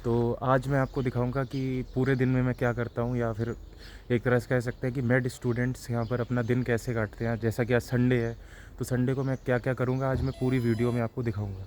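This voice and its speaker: A man's voice: mid-range voice, flat delivery, fast, darkish tone, a little hiss or hum. A young man from India, a medical student, chatting casually as he walks and explains his day. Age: young adult. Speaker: vlogger, medical student abroad. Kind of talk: casual vlog narration. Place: outdoors in the cold and inside a gym.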